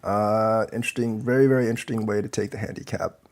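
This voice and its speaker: Live-streaming his own game of go, a teacher commentates and critiques the moves in a rambling way. He has a slight cold that leaves his lowish voice a little congested, and he talks fast in a steady tone.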